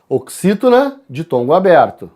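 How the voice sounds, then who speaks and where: Reviewing exam answers, a Brazilian man talks straight to his class, naming the answer letters and spelling them out. He has a slightly high voice at normal speed and keeps things lively.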